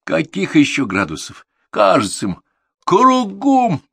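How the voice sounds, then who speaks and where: A man voicing a gruff, shell-shocked male military instructor who barks commands at schoolboys in a storybook reading. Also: medium pitch, expressive, unhurried, no room sound, pitched above the performer's own voice. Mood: angry, scolding. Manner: barking, shouted commands.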